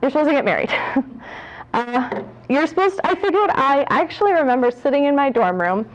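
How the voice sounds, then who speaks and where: A woman's voice: high-pitched, lively intonation, a little fast, lo-fi sound. Candid self-mocking woman in her twenties. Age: 20s. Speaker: speaker at a public talk. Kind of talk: personal talk to an audience.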